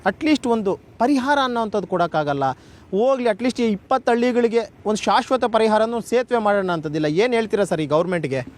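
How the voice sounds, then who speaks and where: A man's voice: sits high, animated, a little fast. A man reporting on location for the news, putting probing, emphatic questions to villagers outdoors. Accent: Kannada. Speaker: field reporter.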